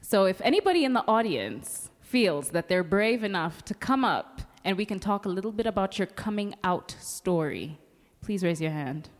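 At a live event with an audience, a woman hosts a podcast panel, bantering with guests and cheering them on exclamatorily. Her mid-range voice is expressive at a normal speed, captured through an event microphone.

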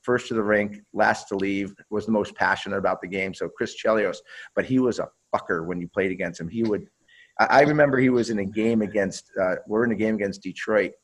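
A man's voice: on the low side, poor audio. A man who played pro hockey, telling stories in a casual interview and swearing freely, often repeating and restarting his words.

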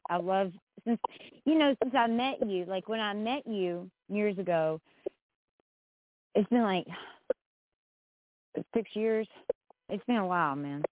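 A woman co-hosts a music show in a casual group voice chat. She speaks in slangy, effusive, encouraging phrases at a middling pitch. The sound is close and dry, squeezed into a thin phone-like band. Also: slow, pauses often, dry recording. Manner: effusive and encouraging, slangy, says "man" and "dude" often.

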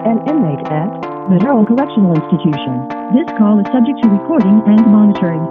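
Automated lady on a prison payphone collect call, tinny phone sound, loud music under it. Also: mid-range voice, very animated, fast talker. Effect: prison payphone collect call message. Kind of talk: recorded automated announcement.

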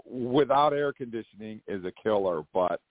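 A man's voice: on the low side, animated, moderate pace, no room sound. American male podcast host, narrow phone-like sound. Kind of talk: live call-in fan talk show.

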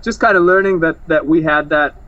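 A man's voice: on the high side, a little fast, fairly bright tone, muffled recording. A man, a fighter, chatting casually in an interview in a laid-back, rambling way full of slang and fillers.

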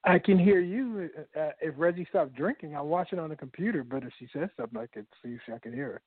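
A man's voice: on the high side, fast, slightly rough, no echo. A man calling in over a thin phone line, repeating himself as he checks what he can hear. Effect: thin phone-line sound. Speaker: caller testing a phone connection. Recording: tinny dry phone line.

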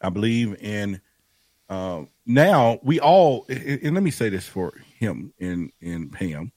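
Male, 50s, podcast guest, low pitch, dry close sound, rambling and self-deprecating. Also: very animated, slow pace, a little mellow, dry recording. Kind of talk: casual podcast chat.

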